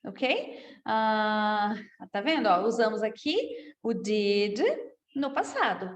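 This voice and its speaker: A woman with a Brazilian Portuguese accent teaching an English lesson in a casual way, often checking in with listeners and repeating examples slowly. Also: medium pitch, lively intonation. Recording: echoey room with long reverb.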